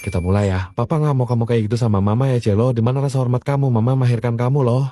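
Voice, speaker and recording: A man's voice: medium pitch, fairly even intonation, rapid-fire, mellow, slight background noise, close to an everyday voice. A man playing a scheming, sly father in a comic family skit.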